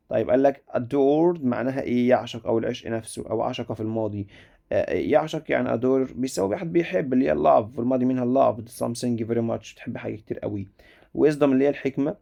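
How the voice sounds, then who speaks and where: Gravelly Egyptian man teaching vocabulary. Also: medium pitch, dark tone. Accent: Egyptian Arabic. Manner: drills words by repeating them slowly, voices students' questions. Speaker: English teacher. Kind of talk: vocabulary lesson.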